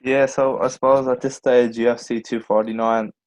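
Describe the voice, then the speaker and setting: A man's voice: medium pitch, flat delivery, moderate pace, darkish tone, poor audio. A man co-hosting a casual sports podcast, talking in a laid-back way with dry jokes. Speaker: podcast co-host.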